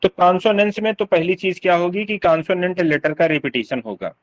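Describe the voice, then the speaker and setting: A man with a somewhat high voice gives an English literature lesson. He explains patiently, sounds words out again and again, and keeps checking that his students understand. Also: expressive, a little fast, low-quality recording.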